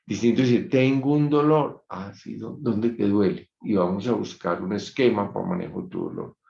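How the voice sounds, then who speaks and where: A man giving an online lecture, measured and reflective, telling an anecdote. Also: on the low side, lively intonation, creaky, warm tone. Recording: dull muffled sound in an echoey room.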